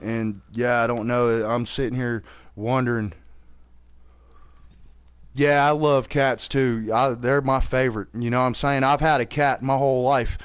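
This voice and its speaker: A laid-back man in his early forties rambles on casually, swearing freely. His voice sits at an ordinary middle pitch, and his talk is loose and unhurried. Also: steady tone, clean tone. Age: 40s. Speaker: streamer. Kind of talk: casual chat while gaming.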